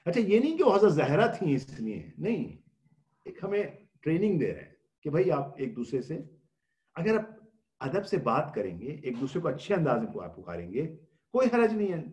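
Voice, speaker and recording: A man's voice: fairly high pitch, wildly swooping pitch, darkish tone, reverberant. A man giving a religious lecture, explaining patiently, asking rhetorical questions and answering them himself, with English words mixed in. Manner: mixes English words into speech. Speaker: religious scholar giving a Ramadan talk.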